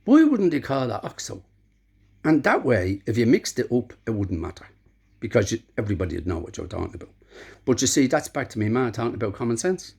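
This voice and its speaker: A man's voice: mid-range voice, very animated, fairly quick, vocal fry, a little mellow, husky. A man in his seventies with a Dublin accent, telling a true story in a plain, conversational, reflective way. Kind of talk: spoken true-life storytelling.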